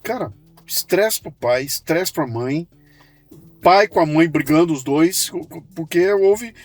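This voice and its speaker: A man's voice: a little high, expressive, unhurried, faint music behind. A Brazilian man hosting a podcast interview, talking casually with hesitant restarts. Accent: Brazilian Portuguese. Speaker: podcast host.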